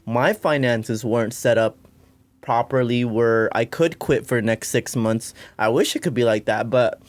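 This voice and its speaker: Male interviewer, mid-pitched, dry room, calm chatty host. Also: no echo. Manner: measured and conversational, with short affirmations. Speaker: podcast host. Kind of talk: casual interview.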